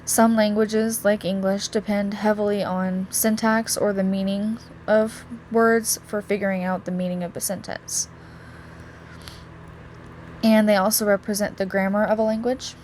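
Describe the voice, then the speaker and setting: A woman's voice: mid-range voice, level tone, unhurried, darkish tone, slight background noise. A young woman giving a student presentation for a class, casual and full of fillers and restarts. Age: young adult. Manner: casual, with many likes and restarts.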